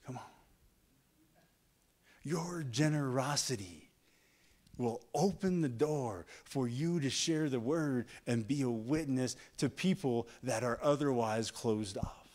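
A man preaching a sermon as a guest pastor, rising to loud emphatic lines and dropping to soft, hushed ones while he tells a story. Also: mid-range voice, takes it slowly. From United States. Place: church sanctuary.

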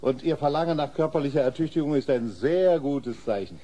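Smug, mellow-voiced male doctor. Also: a little high, animated, a little fast. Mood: jovial, patronising. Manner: patronising, repeats himself. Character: genial, patronising, smug male asylum doctor. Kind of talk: German horror radio play acting.

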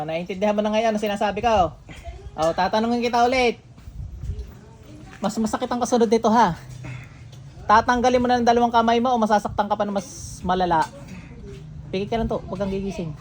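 Stern healer chanting spells. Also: male voice, a little fast, pauses often, a little hiss or hum. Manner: stern, interrogating, chants in low murmurs. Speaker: faith healer. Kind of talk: chanting healing ritual. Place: healing session in a home.

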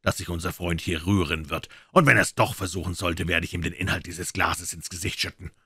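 Deep guy doing a smooth mocking detective, dry recording. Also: fairly even intonation, a little fast, bright, forceful tone, no echo, heavily acted. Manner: smooth, amiable, ironic. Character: suave, mocking male detective.

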